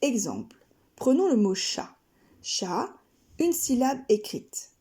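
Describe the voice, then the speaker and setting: A woman from France, a kindergarten teacher narrating a scripted lesson, speaking slowly and carefully articulating each syllable. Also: high-pitched, sing-song, dark tone. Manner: slow, carefully articulated, splitting words into syllables.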